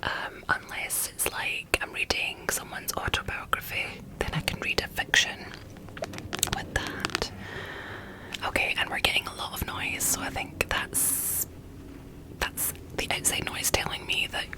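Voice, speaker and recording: A woman speaking in a soft, unvoiced whisper, unhurried and informal, as an ASMR host chatting and reading about books. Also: low-quality recording.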